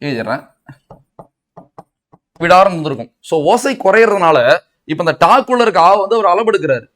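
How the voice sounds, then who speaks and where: Tamil Nadu male tutor, high voice, quizzes himself through each point. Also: expressive, moderate pace, a bit bright. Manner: asks and answers his own questions, mixing in English words. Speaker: Tamil grammar teacher. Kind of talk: exam coaching lecture.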